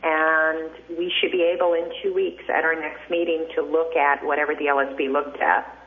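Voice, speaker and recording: Guy running the meeting over a bad speakerphone, muffled tinny line, faint hiss, a bit high. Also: little pitch movement, normal speed. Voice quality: muffled, garbled. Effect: on a poorly working speakerphone. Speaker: meeting chair. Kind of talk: running a board meeting call.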